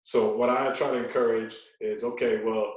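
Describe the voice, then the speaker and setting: A male fitness trainer chats as a podcast guest, emphatically explaining and repeating phrases to make them stick. His mid-range voice barely changes pitch and keeps a moderate pace. The distant mic leaves the sound very echoey and roomy.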